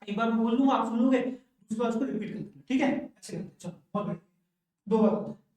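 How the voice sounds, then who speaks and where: A man's voice: extremely high pitch, a little mellow. Echoey distant male teacher drilling words. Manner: says each word twice, slow drilling. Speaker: English pronunciation teacher. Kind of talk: classroom pronunciation drill lesson. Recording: very echoey room, voice from far off.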